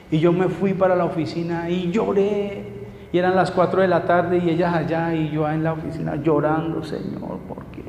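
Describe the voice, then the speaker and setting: Emphatic pastor preaching in an echoey hall. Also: male voice, a little high, a little mellow. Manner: emphatic storytelling, questions to the congregation. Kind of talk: sermon. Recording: echoey hall with long reverb, faint noise.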